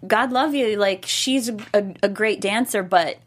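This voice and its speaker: A woman's voice: mid-range voice, a little slow. Woman host, casual chat, rambling with restarts.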